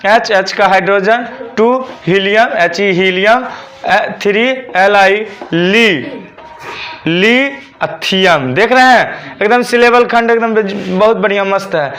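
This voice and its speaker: A man's voice: high-pitched, steady tone, a little slow, a bit bright. A male teacher, giving a classroom lesson and drilling students with repeated questions for them to answer back.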